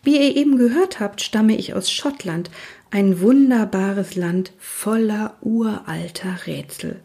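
Eccentric, playful storybook teacher, breathy and hushed in places, read by a woman. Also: mid-range voice, slow pace, full character voice. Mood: mysterious. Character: quirky cheerful adult woman teacher from Scotland.

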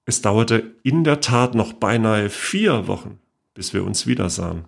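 A man reading a first-person story aloud in a measured, calm way. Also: lowish voice, vocal fry.

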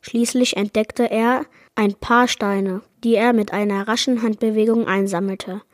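A woman reading aloud a chapter of a children's fantasy adventure book in a measured narrating manner. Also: mid-range voice, fairly even intonation, dry recording, studio quality. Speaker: book reader. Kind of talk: storybook read-aloud.

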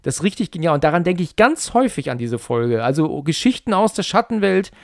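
Excited man retelling a horror story. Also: on the high side, brisk, creaky, no echo, clean studio sound. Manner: excited storyteller, many fillers and restarts. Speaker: podcast co-host. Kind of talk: casual chat.

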